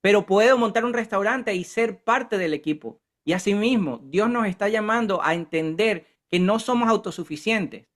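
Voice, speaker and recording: A man's voice: high-pitched, moderate pace, few pauses, fairly bright tone. A man teaching a Bible study in a conversational way, often checking in with his listeners. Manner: conversational, keeps asking the group "¿verdad?".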